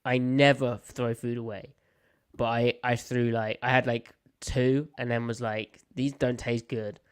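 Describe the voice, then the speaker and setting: A young British man hosts a live sports podcast, chatting playfully and with strong opinions, a bit snuffly from a slight cold. His medium-pitched voice has little pitch movement, a measured pace, and a clear, resonant tone.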